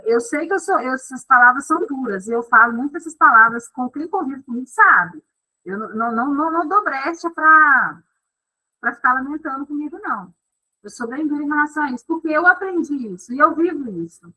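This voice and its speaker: A woman with a Brazilian Portuguese accent speaks plainly and bluntly to her group on a faith talk show. Her voice sits high and sounds bright and forward. She has a cough today. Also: animated, a little fast, rough recording.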